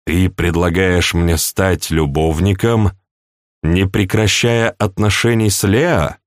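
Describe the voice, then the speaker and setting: A man reading an audiobook, voicing a dry-witted, blunt young count in a calm, wry manner. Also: low-pitched, measured pace, dry recording. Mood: measured.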